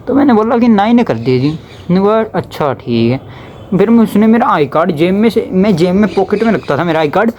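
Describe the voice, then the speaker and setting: A young man from Haryana, India, chats loosely through a casual storytime, his high-pitched, slightly mellow voice thickening into dialect whenever he quotes relatives and teachers. The recording is muffled, with a faint hum of background noise underneath.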